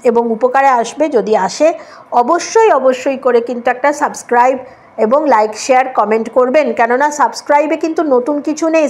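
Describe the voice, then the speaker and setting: A woman teaching an English lesson, spelling words out letter by letter and often checking that students follow. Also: high voice. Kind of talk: Bengali-language English lesson.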